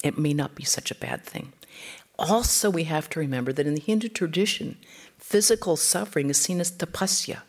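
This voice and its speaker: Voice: medium pitch, brisk. Conversational spiritual teacher telling stories. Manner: conversational, tells stories with acted-out quotes. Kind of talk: informal spiritual talk.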